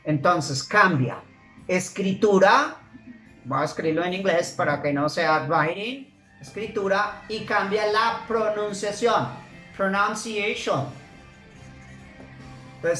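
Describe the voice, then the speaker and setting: A woman teaching English grammar, slowly repeating English words for her students to drill. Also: medium pitch, fairly bright tone. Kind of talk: classroom grammar lesson.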